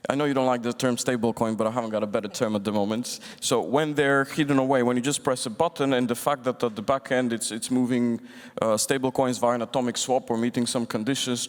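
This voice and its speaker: Panelist, male, from Bulgaria; measured, restarts often, long hall reverb. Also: mid-range voice. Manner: thoughtful, with frequent restarts. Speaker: panelist, fintech executive. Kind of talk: conference panel discussion. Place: large conference hall.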